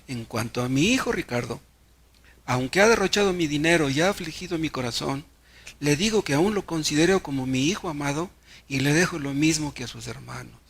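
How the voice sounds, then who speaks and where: A man's voice: fairly high pitch, lively intonation, brisk, creaky, a bit bright, husky, heavily acted. A man voicing a loving father's will, read out solemnly and tenderly in a sermon story. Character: loving father speaking through his will.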